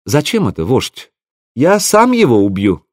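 A man voices an unflappable, laconic swordsman in a storybook reading. He speaks calmly and matter-of-factly, with lively pitch, in a dry close sound. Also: measured pace, no room sound. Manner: calm, matter-of-fact.

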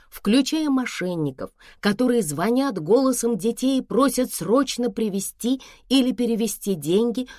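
Expressive woman telling a story. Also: fairly high pitch, no echo, studio quality. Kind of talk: first-person story narration.

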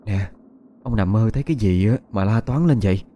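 A man voicing an older grieving mother with a worried, gently coaxing manner. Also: lowish voice, lively intonation, a little fast, a little hiss or hum, close to an everyday voice. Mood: startled.

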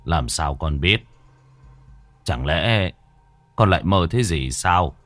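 A man voicing a worried middle-aged mandarin father who speaks low, hushed and measured. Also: lively intonation, no echo, soft background music, heavily acted. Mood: stunned.

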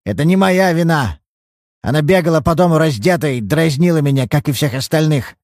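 A male narrator puts on a shrill, quavering old man who is self-pitying, quick to anger and whining. The voice sits well above the reader's own, swinging widely in a sing-song pitch with a darkish tone. It sounds close and dry, with no room sound at all.

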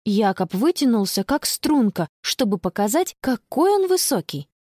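Woman narrator, children's audiobook, fairly high voice, very lively intonation, dry close mic. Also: normal speed, no echo. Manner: expressive storytelling, bright voice for the girl. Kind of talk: scripted narration.

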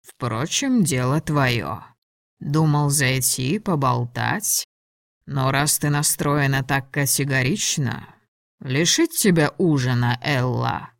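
Woman voicing a low, mocking dragon lord. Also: slow pace, creaky, no echo, clean studio sound, full character voice. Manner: sardonic, teasing. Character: mocking male dragon lord in human form. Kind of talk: audiobook dialogue reading.

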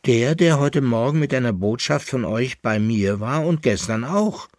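A man's voice: medium pitch, expressive, unhurried, a little mellow, no room sound, studio quality, voice pushed up, close to an everyday voice. A man reading aloud, voicing a young army officer who is earnest and easily flustered.

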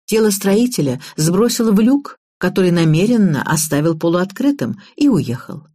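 A woman voicing a grave, measured middle-aged husband who speaks gloomily and deliberately. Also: on the low side, sing-song, dark tone, slightly rough, no room sound, clean studio sound.

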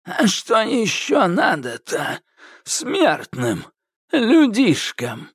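Creaky, smug undying sorcerer. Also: male voice, high voice, huge pitch swings, extremely slow, no room sound, clean studio sound, voice pushed up, exaggerated voice. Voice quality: creaky, like an old samovar. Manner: scornful, superior, drawling. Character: smug immortal old male sorcerer in rusty armor. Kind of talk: audiobook character voice.

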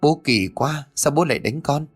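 A man's voice: mid-range voice, lively intonation, normal speed, soft background music, close to an everyday voice. A man voicing a small boy who whines and pleads in a raised childish voice. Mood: whining. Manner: whiny, pleading. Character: small boy, whiny and insistent.

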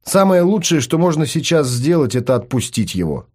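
A man reading an audiobook, voicing a bold, provocative male psychologist who speaks low and insistently. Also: very animated, brisk, darkish tone. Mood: explaining.

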